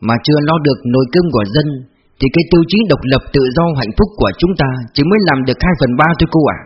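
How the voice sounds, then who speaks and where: A man's voice: on the high side, expressive, rapid-fire, lo-fi sound, background noise, natural voice. A man voicing an older male provincial leader in an audiobook, speaking earnestly and reflectively.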